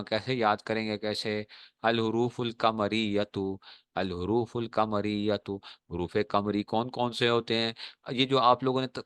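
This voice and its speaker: A male teacher giving a classroom lesson, often checking whether students have understood and drawing out example words slowly. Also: lowish voice, bright, forceful tone, no room sound.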